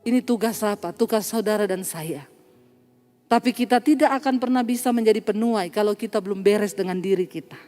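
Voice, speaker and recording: A woman pastor preaching a sermon, animated and telling stories, acting out dialogue and laughing at her own jokes. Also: mid-range voice, a little fast, long reverb tail, soft background music. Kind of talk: sermon with storytelling.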